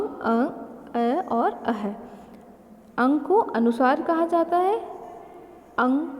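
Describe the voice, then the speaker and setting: Woman teacher, high voice, measured delivery, reverberant room; grammar lesson. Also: darkish tone. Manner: slow, careful explaining with spoken examples and self-corrections. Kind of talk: classroom lesson explanation. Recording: long reverb.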